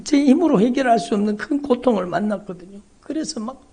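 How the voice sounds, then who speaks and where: A male pastor giving an emotional sermon testimony, telling his story dramatically and swinging from loud cries to hushed whispers. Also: very high-pitched, lively intonation, brisk. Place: large church sanctuary.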